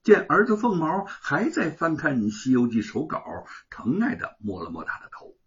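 Male storyteller, dramatic oral narration, slightly high voice, muffled lo-fi recording. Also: huge pitch swings, moderate pace, a bit bright, breathy edge.

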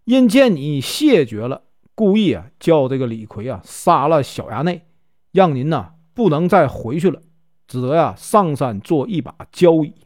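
A man's voice: fairly high pitch, very animated, moderate pace, darkish tone, dry recording, studio quality. A man voicing Chai Jin, a gracious and courteous noble lord of a manor, in a told story.

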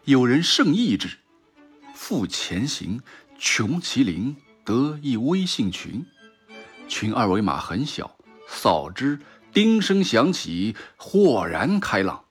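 A man telling a humorous story as a monologue, with a Shanghai Mandarin accent, switching between excited crowd voices and calm narration. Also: mid-range voice, slow, slightly rough, faint music behind. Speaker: comic storyteller.

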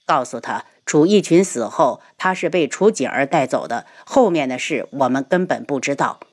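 A woman voicing a calm, cool-tempered noble prince in an audio novel, speaking low, cold and steady. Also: moderate pace.

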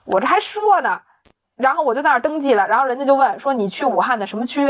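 A woman's voice: high voice, animated, quick pace. A woman telling a story in casual chat, laughing often, swearing casually and acting out the dialogue. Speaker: podcast co-host.

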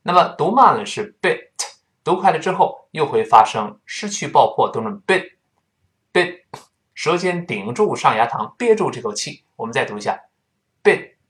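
A man teaching English pronunciation, demonstrating each sound by repeating it slowly. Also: mid-range voice, big pitch swings, a bit bright.

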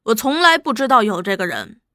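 A woman's voice: fairly high pitch, sing-song, brisk, sharp tone, no echo, clean studio sound. A woman voicing a defiant male underground leader who answers with scornful indignation. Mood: scornful calm.

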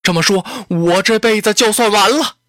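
A storyteller voicing a tearful young beauty who pleads slowly with her lover, in traditional Chinese storytelling. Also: medium pitch, fairly bright tone, dry recording, clean studio sound, voice pushed up, lightly acted. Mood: hurt reproach. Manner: weeping, drawn-out pleading speech.

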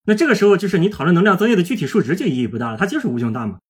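A man walks a podcast audience through physics in a brisk, rushing flow of talk. His pitch leaps up and down with real animation, and his voice has a husky edge. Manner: lively, explains step by step with everyday images. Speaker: guest, plasma physicist. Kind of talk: explanatory podcast chat.

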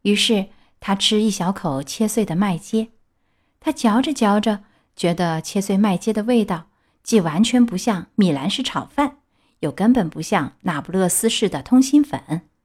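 Lively woman reading a children's story. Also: mid-range voice, moderate pace, breathy edge.

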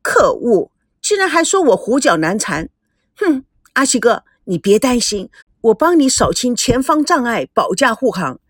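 A woman's voice: fairly high pitch, very animated, measured pace, no echo, clean studio sound. A woman voicing a glib, cheeky young woman who teases and huffs. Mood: sassy. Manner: glib, teasing, huffy. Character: sharp-tongued young woman, cheeky and meddling.

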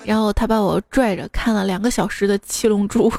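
A woman's voice: medium pitch, fairly even intonation, fairly quick, vocal fry, darkish tone. A woman host reading funny listener stories in a playful, teasing way, in her speech. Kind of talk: casual comic storytelling. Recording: background music under the voice.

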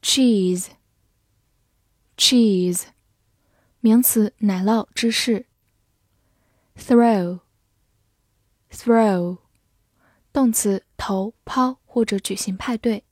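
A woman teacher reading out an English word list, saying each word twice and giving its meanings in an even recitation. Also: mid-range voice, drawn-out words, pauses often, no room sound. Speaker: vocabulary teacher.

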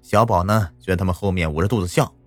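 A man voicing a timid, placating middle-aged village uncle in an audio story, speaking low and nervously. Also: fast, soft background music. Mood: worried.

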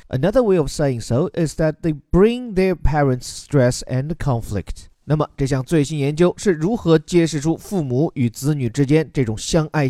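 A man's voice: on the high side, mellow, no echo, studio quality. A man who teaches as a podcast host, patiently explaining an English news article word by word with examples.

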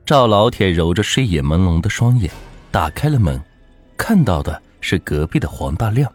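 A man narrating a folk ghost story in a dramatic, measured way. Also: low voice, sing-song, slightly rough, soft background music.

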